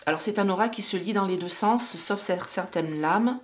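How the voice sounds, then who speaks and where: A woman's voice: mid-range voice, normal speed. A woman in her forties doing a casual oracle card reading, chatty and hesitant, talking straight to her viewers. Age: 40s. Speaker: psychic card reader.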